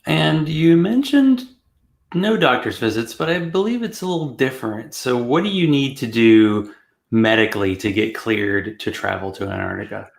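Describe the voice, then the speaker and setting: A man's voice: medium pitch, lively intonation, normal speed, creaky, echoey room. A middle-aged man hosting a casual interview over a video call from a small room at home. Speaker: podcast host.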